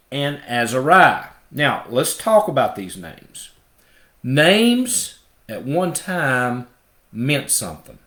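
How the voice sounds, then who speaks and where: Slow, lively-voiced man teaching Bible study. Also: a little high, echoey room. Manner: deliberate, explaining step by step with emphatic asides.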